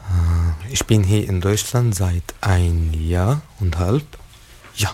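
Interviewee, man, 30s, from Syria, arabic native, very low voice, slow deliberate delivery, halting speech. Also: lively intonation, warm tone, slight background noise. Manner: halting, simple German with pauses. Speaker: interviewee, musician. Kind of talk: casual interview.

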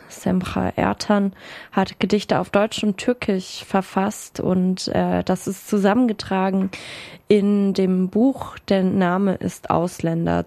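A woman presenting a community radio feature, reading a scripted announcement in a steady manner with occasional filler sounds. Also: medium pitch, gravelly, dry recording.

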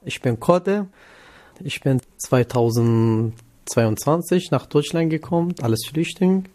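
A young man from northern Iraq, talking in a radio interview. His voice sits a touch higher than most men's. His German is halting, with many pauses and fillers. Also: lively intonation, warm tone. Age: 20s. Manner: hesitant non-native German with many fillers. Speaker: interviewee, trainee cook.

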